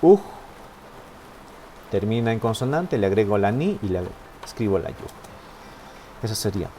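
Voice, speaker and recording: A man's voice: fairly low pitch, sing-song, normal speed, mellow, a little hiss or hum. A man teaching a language class online, patient and step by step, often checking in with his students. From Peru. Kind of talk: online lesson, explaining step by step.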